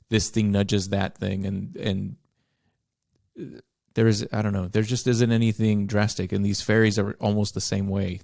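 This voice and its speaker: Low, gravelly man groping for words. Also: a little mellow, dry recording, clean studio sound. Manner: searching for words, many likes and restarts. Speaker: podcast co-host. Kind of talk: casual book discussion.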